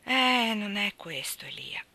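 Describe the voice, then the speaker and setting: A woman's voice: medium pitch, big pitch swings, takes it slowly, gravelly, bright, forceful tone, heavily acted. A woman reading aloud voices a worried widowed mother who laments her sons in an anxious, pleading way. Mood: weary.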